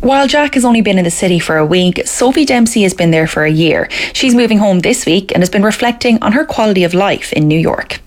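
A woman's voice: medium pitch, animated, quick pace, hardly any pauses. A woman with an Irish accent narrating a scripted news report.

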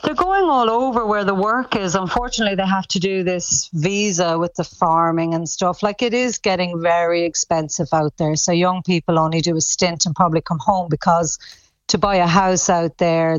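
A woman's voice: on the low side, steady tone, moderate pace, no echo, muffled recording. A woman with a Cork Irish accent chatting casually as a radio caller, effusive and often repeating herself for emphasis. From Cork, Ireland. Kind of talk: casual chat, telling a personal story.

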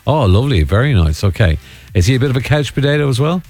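Lively Irish male radio host. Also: medium pitch, fast talker. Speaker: radio host running a phone-in quiz. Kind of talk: casual, chatty competition banter.

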